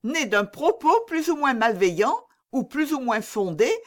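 A woman's voice: high-pitched, very animated, a little slow, voice pushed up. A woman reading an audiobook and voicing a haughty, impatient young princess who presses and needles with irony. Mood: imperious. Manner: haughty, pressing, exasperated, ironic. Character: imperious impatient young princess, royal lady.

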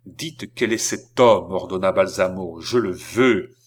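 A man playing a calm, imperious count who hypnotizes people, speaking in measured commands. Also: low-pitched. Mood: commanding.

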